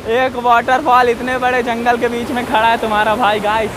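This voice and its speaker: A man's voice: very high voice, monotone, background noise. A man vlogging casually outdoors by a waterfall, chatting to his viewers as he walks and repeating safety warnings. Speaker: travel vlogger. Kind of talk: casual walking vlog. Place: outdoors on rocky hillside by a waterfall. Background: faint rushing waterfall.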